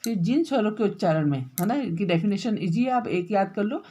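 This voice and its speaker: A woman teacher giving a grammar lesson, dictating notes slowly and repeating words as she writes, with frequent checking tags to her pupils. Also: medium pitch, animated, warm tone. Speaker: school teacher. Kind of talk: classroom grammar lesson while writing.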